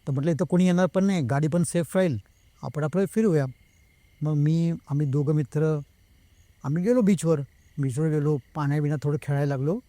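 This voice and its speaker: A man's voice: on the high side, brisk, warm tone, dry recording. A man casually telling a true spooky story as a guest, acting out what others said himself and slipping between two languages. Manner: retells the talk of others himself, slipping between Marathi and Hindi.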